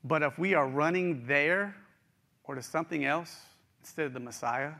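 Creaky, pushed and bright, the man's slightly high voice moves at a moderate pace. He is a middle-aged West Virginia preacher giving a folksy, conversational sermon straight to his listeners.

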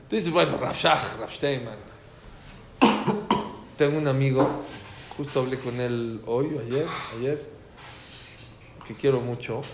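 A man gives a storytelling religious lesson and slips into the voices of the people in his anecdotes. His voice sits at a middle pitch. The room is echoey, with a faint hum of ambient noise behind him. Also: slow, vocal fry, long pauses. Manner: animated, acts out dialogue in stories. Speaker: religious teacher. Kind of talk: storytelling lecture.

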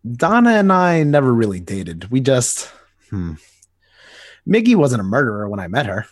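A man's voice: medium pitch, huge pitch swings, moderate pace, no room sound. Nightwing, a man playing a cocky hero. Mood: sheepish. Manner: teasing, easygoing big-brother banter. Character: Nightwing, cocky young adult male hero. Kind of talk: dramatic comic reading.

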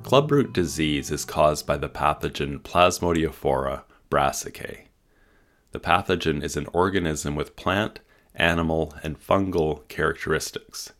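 A man hosting a podcast, reading a scripted intro and asking his guest measured, friendly questions. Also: a bass voice, a bit bright, soft background music. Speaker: podcast host.

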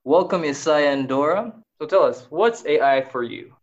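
A man hosting a podcast interview, asking questions in a relaxed way that trails off softly. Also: a little high, normal speed. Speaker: podcast host. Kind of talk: casual interview. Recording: dull lo-fi audio.

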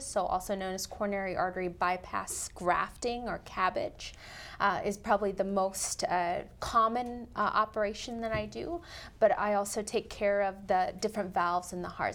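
A woman's voice: mid-range voice, fairly bright tone. A woman cardiac surgeon on a call-in medical show, explaining procedures in plain terms and laughing easily.

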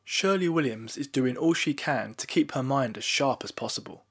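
A male reporter narrating a news feature and gently interviewing an elderly woman. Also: mid-range voice, lively intonation, moderate pace, husky.

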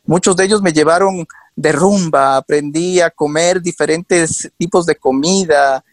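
A man who makes documentary shows appears as an interview guest, telling earnest stories conversationally with frequent hesitations and restarts. His voice is on the high side and measured in pace, with no echo.

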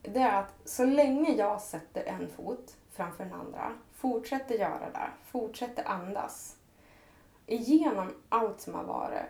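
A woman's voice: mid-range voice, vocal fry, darkish tone, reverberant. A woman talking as a podcast guest in a reflective, earnest way, her thoughts running on in long heartfelt sentences. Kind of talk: reflective personal conversation.

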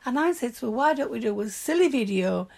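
Husky older woman with a broad Yorkshire accent. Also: a little high, expressive, fast, a little mellow. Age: older, grandmother. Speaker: interview guest. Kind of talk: casual chat.

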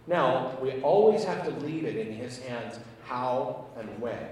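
A man's voice: mid-range voice, a little slow, a little mellow, a little hiss or hum. A man, a pastor, preaching a sermon and telling a story in an earnest way, acting out the conversation with emphatic rises. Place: large church. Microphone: handheld mic. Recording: echoey church hall, distant mic.

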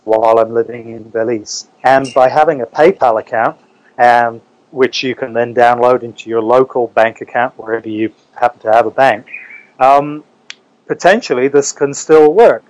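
A man's voice: medium pitch, moderate pace, rough recording. A man from New Zealand talking casually as a guest in an interview. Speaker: interview guest, English teacher.

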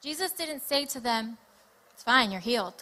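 A woman delivers a sermon in short, deliberate phrases, stopping after each one so it can be translated. Her voice is bright and sharp, sitting a little high. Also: expressive. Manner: reads scripture aloud, pausing for translation. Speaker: preacher. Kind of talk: sermon with interpreter.

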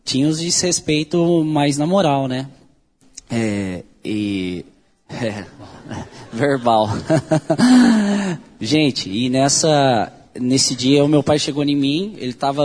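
A man with a Brazilian Portuguese accent gives an earnest, emotional personal testimony, full of halting restarts. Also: a little high, a little mellow. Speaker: speaker giving a testimony.

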